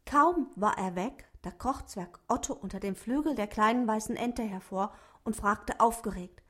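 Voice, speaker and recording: A woman reading a children's story aloud slowly and expressively, dropping to soft tones at times. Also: a little high, slightly rough. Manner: slow, expressive, soft passages.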